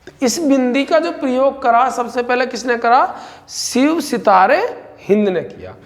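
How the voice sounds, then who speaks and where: A man teaching a Hindi exam-prep lesson, briskly repeating points and calling his students brother. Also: extremely high pitch, lively intonation, big-room sound.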